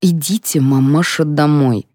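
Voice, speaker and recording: A woman's voice: low voice, measured pace, dry recording, studio quality, voice pushed down. A woman reading a weary, indifferent young male policeman who speaks listlessly, in an audiobook. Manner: listless, flat, sighing.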